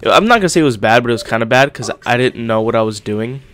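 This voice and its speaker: A man's voice: medium pitch, animated, fast talker, a bit bright, a little hiss or hum. A young man doing casual let's-play commentary, slightly congested from being sick, talking with a swollen lip. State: getting over being sick. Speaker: gaming YouTuber, host.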